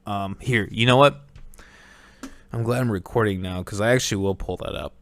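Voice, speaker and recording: Profane rambling young man, low voice. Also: normal speed. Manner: rambling, profane, laughs often. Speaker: podcast host. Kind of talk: casual solo podcast chat.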